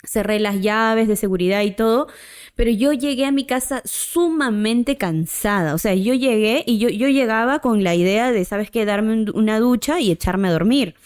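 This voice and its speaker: A woman's voice: a little high, moderate pace, a little mellow, clear, resonant tone. A woman, a podcast host telling a personal story in a chatty way, often tagging her sentences with a questioning "right?". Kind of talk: casual storytelling.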